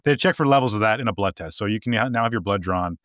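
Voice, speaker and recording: A man's voice: fairly low pitch, fast, fairly bright tone, dry recording, clean studio sound. A man co-hosting a podcast in casual chat, telling stories with frequent laughs and restarts. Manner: chatty storyteller, laughs often, many restarts. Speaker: podcast co-host.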